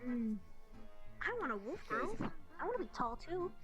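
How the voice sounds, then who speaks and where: A woman's voice: sits high, sing-song, normal speed, a bit bright, faint music behind. A woman playing a short character in a voice-chat role-play, earnest and easily flustered. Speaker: player voicing a short character.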